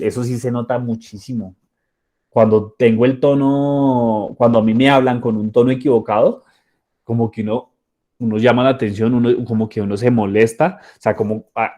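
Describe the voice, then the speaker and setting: A man giving a soft skills training talk, conversational and acting out short dialogues. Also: medium pitch. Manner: conversational, acts out little dialogues with repeated fillers. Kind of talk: training lecture.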